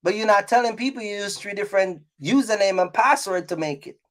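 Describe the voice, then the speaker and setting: High-pitched, animated and brisk, this middle-aged trucking business owner and content creator talks casually in his vlog. He repeats himself for emphasis and keeps checking that his viewers follow.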